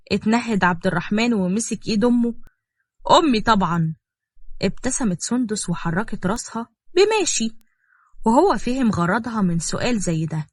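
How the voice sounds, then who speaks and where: A woman's voice: mid-range voice, slightly rough. A woman with an Egyptian accent narrating a scripted story, reading evenly and expressively. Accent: Egyptian Arabic.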